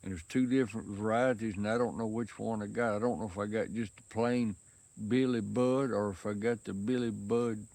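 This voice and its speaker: A man's voice: lowish voice, fairly even intonation, normal speed, vocal fry, a little mellow, no echo. A worn-out man talking casually outdoors on a windy day, rambling in a folksy rural way about his pipe. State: worn out and sweaty from work. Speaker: pipe-smoking vlogger.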